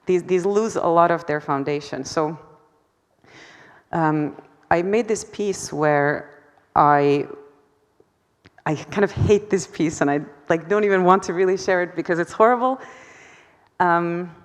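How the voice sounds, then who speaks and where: A low-pitched woman presents her own artwork in a lecture hall, her voice trailing a long reverb. She talks haltingly, restarting phrases and filling pauses, laughing at herself now and then. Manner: hesitant, many fillers and restarts, self-deprecating laughter. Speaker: artist presenting her work. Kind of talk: conference talk.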